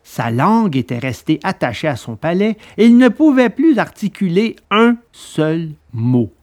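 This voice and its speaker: Expressive male storybook narrator. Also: sits high, a little slow, no room sound. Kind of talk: audiobook reading of a children's tale.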